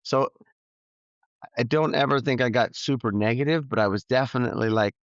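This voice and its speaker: A man talking as a podcast guest, telling his race story in a relaxed, rambling way with lots of fillers. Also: mid-range voice, fairly quick, dry recording. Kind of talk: casual interview chat. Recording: slightly dull, dry sound.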